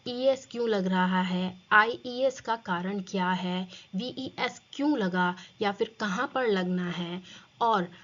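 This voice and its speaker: Female grammar teacher, unhurried, quizzing pupils; muffled lo-fi recording. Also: medium pitch, a bit bright. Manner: asks and answers her own questions, addresses students as children. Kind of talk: classroom grammar lesson.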